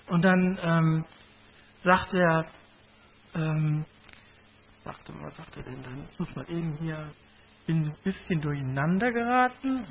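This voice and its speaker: Husky-voiced man preaching conversationally. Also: sits high. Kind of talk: sermon with Bible reading. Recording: dull lo-fi recording.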